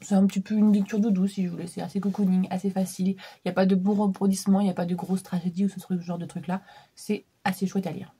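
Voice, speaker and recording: A woman in her thirties chats casually about books, her voice warm and slightly husky, her nose stuffed up from a cold. She rambles easily, filling pauses with little hesitations. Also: medium pitch, level tone. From France. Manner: chatty, many fillers and restarts. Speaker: book vlogger. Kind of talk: casual chat.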